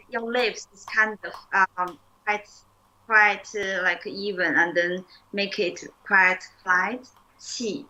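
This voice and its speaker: A young woman leads an easygoing one-on-one language lesson. Her voice is bright and her pace slow and unhurried. She explains patiently, with plenty of "like" and "um", and models each new word slowly. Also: medium pitch, rough recording. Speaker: Chinese teacher.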